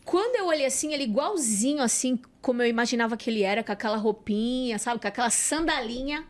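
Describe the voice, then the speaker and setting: A woman with a Santos Brazilian accent, a podcast guest and psychologist, telling a personal story in an animated way. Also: on the high side, fast talker. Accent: Brazilian Portuguese, Santos. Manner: animated, acts out quoted dialogue. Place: podcast studio.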